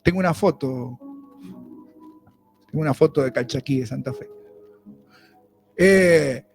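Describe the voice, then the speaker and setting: A man's voice: a little high, unhurried, darkish tone, faint music behind. A man with a Rioplatense Spanish accent, preaching a sermon as pastor in a conversational way, asking the congregation questions.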